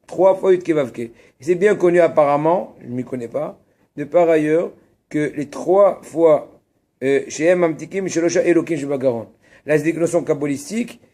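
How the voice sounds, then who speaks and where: A man leads a religious text class in a somewhat high voice. He talks in an animated way, asks his own questions and answers them, stresses Hebrew terms, and drops casual asides to his students. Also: normal speed. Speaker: rabbi teaching a class.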